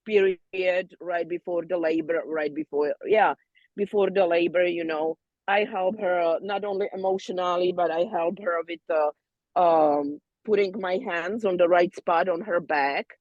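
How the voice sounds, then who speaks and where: A woman, a doula student, casually telling peers about a birth in halting, non-native English full of fillers and restarts. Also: fairly low pitch, no echo, dull audio. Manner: non-native phrasing, loose grammar.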